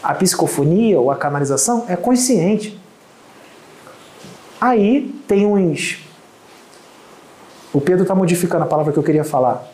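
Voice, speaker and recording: A man's voice: sits high, animated, moderate pace, pauses often, mellow, echoey room, low-quality recording. A man with a Carioca accent from Rio de Janeiro, a medium giving an emphatic, lecturing spiritual talk that scorns his critics. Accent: Carioca Portuguese. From Rio de Janeiro, Brazil.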